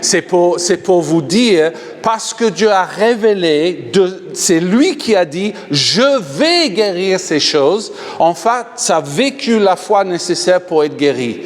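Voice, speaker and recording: English-accented guy preaching at a healing night, slow, laughs a lot, big church reverb. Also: high-pitched, expressive. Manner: jokey, laughs often, asks the crowd for raised hands. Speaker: guest healing minister. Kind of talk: animated healing-service preaching. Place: large church hall. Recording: long hall reverb.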